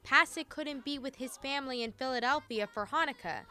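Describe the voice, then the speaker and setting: A woman reporter narrating a news feature in a polished, bright delivery. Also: high voice, fairly quick.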